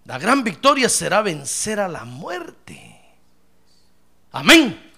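Animated man preaching a sermon. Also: high voice, takes it slowly, gravelly, breathy edge. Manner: animated preaching, calls listeners brother, acts out complaints; jokes with the congregation. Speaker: pastor.

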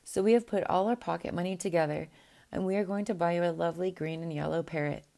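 A woman speaks for a chorus of spiteful young princesses in a fairy tale. They talk down sweetly and slyly, in a low, mellow voice. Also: quick pace, vocal fry. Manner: sly, condescending. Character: eight spiteful princess sisters, young women.

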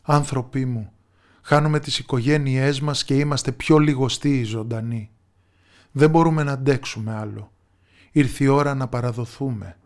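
A man's voice: medium pitch, steady tone, natural voice. A man voicing a kind, just village lord in a folktale, troubled and raising his voice in alarm. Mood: despairing. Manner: troubled, pleading, raises his voice.

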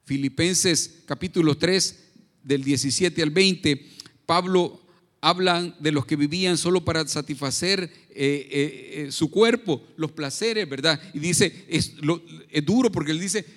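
A man's voice: a little high, a little slow, fairly bright tone. Man preaching in a reverberant church. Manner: conversational, frequent tag questions and restarts. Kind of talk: sermon. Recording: long reverb of a church hall.

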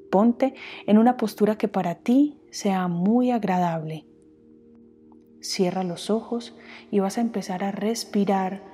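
A meditation guide and podcast host speaks in a soft, mellow, mid-range voice, very slowly and gently, with long pauses between phrases. A long reverb trails her words, and background music plays underneath.

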